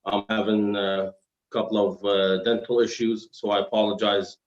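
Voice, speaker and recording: A man with a fairly low, fairly flat voice gives a religious lesson in dialogue form at a moderate pace. He's an Islamic scholar appearing as a guest lecturer, formal and explanatory, working in Arabic phrases, and his diction is slightly slurred and heavy-tongued. The live-stream audio sounds roomy and dull.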